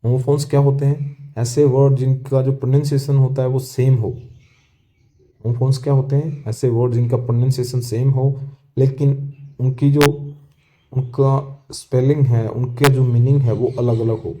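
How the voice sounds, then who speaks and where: A man's voice: medium pitch, little pitch movement, dark tone, slight background noise. A male teacher explaining an English story line by line, asking questions and answering them himself and repeating key words. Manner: reads English text lines slowly and deliberately.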